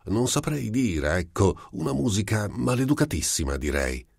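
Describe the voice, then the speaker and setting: A man's voice: fairly low pitch, big pitch swings, normal speed, gravelly, a little mellow, breathy edge, no echo, studio quality, voice pushed up, full character voice. A man reading the part of a touchy, suspicious middle-aged composer in a slightly raised, fretful voice.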